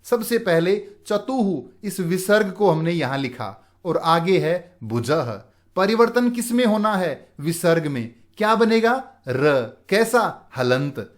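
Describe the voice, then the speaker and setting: Male teacher, high voice, slow and deliberate delivery, walks through a grammar lesson with his own questions. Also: very animated. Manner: slow, deliberate, poses questions and answers them himself.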